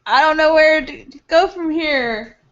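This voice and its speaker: Woman, tabletop player, casual improvised chat, raised pitch, dull live sound. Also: measured pace. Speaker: player in a live tabletop role-playing show.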